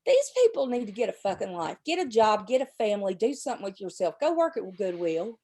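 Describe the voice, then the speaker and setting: A woman's voice: medium pitch, sing-song, a little fast, mellow, breathy edge. A woman hosting a livestream, talking in a heated, profane, rambling way, stuffy with a cold and a sore throat. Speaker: livestream host. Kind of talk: casual chat and angry rant.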